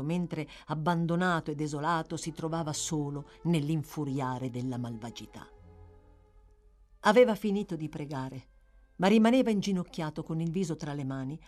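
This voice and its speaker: A woman narrating a classic novel as an audiobook, measured and expressive. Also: low-pitched. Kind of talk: scripted literary narration.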